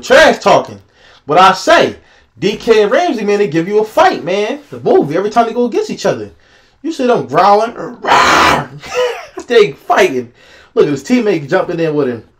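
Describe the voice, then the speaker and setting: A young man speaking, giving casual, slangy reaction commentary on a football game, talking straight to his viewers. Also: mid-range voice. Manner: excited, slangy, talks to viewers, laughs often. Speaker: sports reaction YouTuber.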